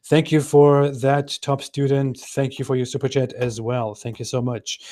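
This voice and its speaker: A man's voice: medium pitch, flat delivery, moderate pace, dark tone. A man hosting a live stream, reading viewer comments aloud and thanking them in a friendly way. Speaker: host.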